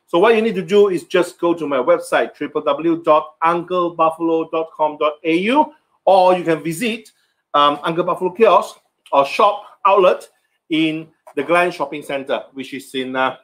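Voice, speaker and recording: A middle-aged man hosts a live cooking stream, chatting loosely with grammar slips as he sells an air fryer in a live-stream product demo. His fairly high voice is a bit bright, at normal speed. He stands waist-up behind a front stand mic in an indoor home kitchen set with a product backdrop.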